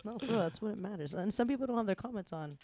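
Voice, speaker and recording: Joking lady cohost, swears a lot, normal pitch, dry mic. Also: animated, rapid-fire, dark tone, dry recording. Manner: loose, joking, swears freely. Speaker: podcast co-host. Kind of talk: casual chat.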